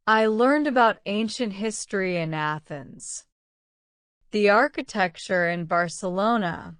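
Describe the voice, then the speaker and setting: A woman reading scripted English-learning example sentences very slowly and deliberately, in a clear, smooth voice. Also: mid-range voice, no echo, studio quality. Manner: very slow, deliberate talking. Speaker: English lesson narrator.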